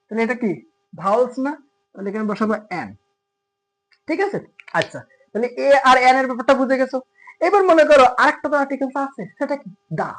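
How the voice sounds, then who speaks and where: With an extremely high, slightly bright voice, a Khulna Bengali-accented English tutor teaches grammar in Bengali to his class. He is patient in his explanations and asks his students rhetorical questions, while the audio sounds tinny and phone-like.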